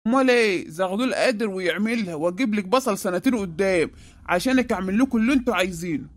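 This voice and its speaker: A man's voice: high voice, animated, rapid-fire, no room sound, clean studio sound. A man voicing a greedy, scheming husband with an Egyptian accent in a comic cartoon, blustering and boastful. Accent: Egyptian Arabic.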